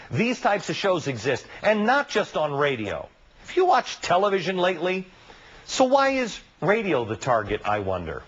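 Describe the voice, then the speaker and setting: Emphatic husky-voiced male host. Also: a little high, a bit bright. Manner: emphatic, sarcastic, rhetorical questions. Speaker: TV commentary host. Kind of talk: opinion monologue and interview. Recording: dull lo-fi broadcast audio.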